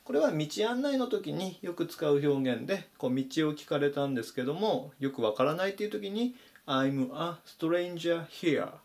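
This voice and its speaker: Casting: male English teacher, slightly high voice with a lot of pitch movement, methodical lesson delivery. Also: very animated, fairly quick, gravelly, few pauses, darkish tone. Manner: methodical, stresses pronunciation points. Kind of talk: explanatory vocabulary lesson.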